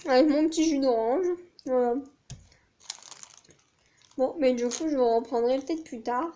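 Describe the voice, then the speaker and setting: Unhurried and high-voiced but dark in tone, this young southern French vlogger rambles chattily to her viewers, mocking herself with frequent laughs. The recording has its highs cut off.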